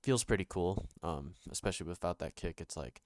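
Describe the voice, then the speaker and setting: A young man with a nasal voice, still recovering from being sick, talks through a screen-recorded music production tutorial. His tone is low-key yet his intonation is lively, and his speech is halting, full of pauses, ums, fillers, and restarts.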